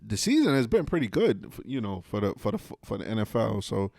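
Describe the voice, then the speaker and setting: A man with a somewhat low voice chatting about sports. He stops and restarts often and leans on fillers. The recording is dry and close. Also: very animated, gravelly, a little mellow, dry recording. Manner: halting, filler-heavy, easy laughter. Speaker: podcast co-host. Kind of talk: casual sports chat.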